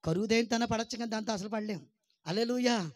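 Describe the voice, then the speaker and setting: A man with a high-pitched voice delivers a lively sermon as a pastor. He keeps exhorting the congregation with rhetorical questions and calls for praise. He teases and jokes with his listeners along the way. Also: fast talker. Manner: teasing, joking with listeners.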